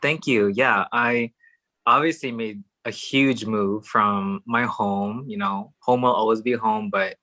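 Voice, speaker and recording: A young man from Hawaii, a drag performer and podcast guest, chatting casually and warmly and laughing often. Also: on the low side, fairly even intonation, takes it slowly, no room sound. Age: young adult. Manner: chatty, warm, laughs often between phrases. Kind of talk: casual chat.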